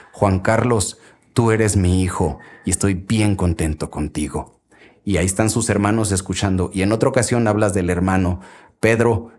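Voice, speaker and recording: A man with a Mexican Spanish accent and a somewhat low voice talks about fatherhood and faith. He sounds earnest and conversational, like a dad sharing with other parents. He slips into little acted-out quotes now and then. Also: darkish tone, a little hiss or hum. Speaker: podcast host, father giving parenting advice. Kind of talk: faith-based parenting talk.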